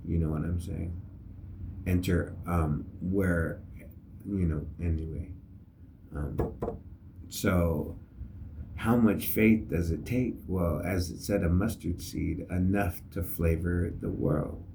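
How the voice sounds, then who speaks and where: A man's voice: sits low, takes it slowly, gravelly, long pauses, mellow, a little hiss or hum. A middle-aged man, an army veteran, telling a story in a casual, rambling way with many fillers. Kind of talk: casual spoken reflection.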